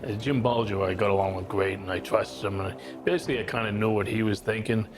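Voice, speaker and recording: A man's voice: fairly low pitch, steady tone, fast talker. A man in a documentary interview, telling his story plainly with fillers. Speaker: interviewee recounting past crimes. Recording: music underneath.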